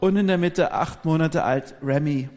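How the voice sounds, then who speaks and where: A man interpreting a live talk phrase by phrase, quick and with hesitant fillers. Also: a little high, darkish tone. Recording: long hall reverb.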